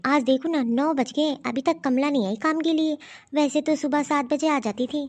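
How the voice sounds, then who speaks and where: Cartoon daughter-in-law, mild, puzzled, high pitched, played by a woman. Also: moderate pace, darkish tone, natural voice. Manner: puzzled, mild, talks to herself. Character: busy worried young daughter-in-law, sweet-natured. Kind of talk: animated cartoon story voice acting.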